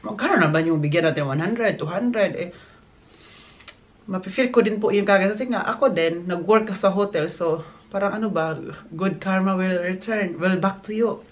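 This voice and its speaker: A Filipino man who works at a hotel chats casually to his phone camera indoors, acting out what guests told him. His voice is high-pitched with the top end cut off, and he talks at a moderate pace, mixing English into his Tagalog in a chatty vlog style.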